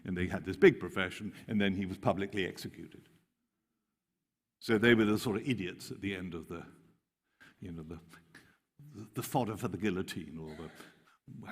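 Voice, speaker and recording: Animated preacher man in a reverberant hall. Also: low-pitched, gravelly, husky. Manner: animated, mocking tone when quoting scripture. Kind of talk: conference sermon. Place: large hall.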